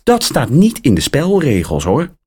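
A man's voice: medium pitch, wildly swooping pitch, a little slow, a little mellow, slightly rough, pitched above the performer's own voice, heavily acted. A man voicing an eager, cheerful young girl in a children's story, his voice raised and bouncy. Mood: excited.

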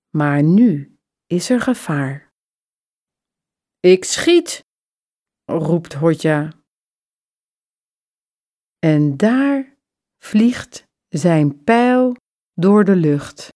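A woman reading a children's story aloud in very slow, clearly phrased short sentences. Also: lowish voice, animated, dark tone.

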